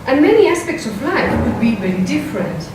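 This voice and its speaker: In a noisy, heavily reverberant lecture hall, a distant microphone captures a woman philosopher giving a workshop talk in a strong Spanish accent. Her pitch is a little high and her delivery is very animated, though still careful and measured, and she hesitates with fillers once she leaves her prepared text.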